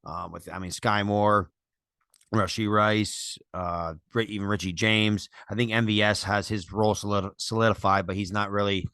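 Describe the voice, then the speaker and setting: A man co-hosting a casual sports talk, giving earnest, measured fantasy football analysis with many fillers. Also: lowish voice, level tone, pushed and bright, clean tone, dry recording, studio quality. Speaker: podcast co-host.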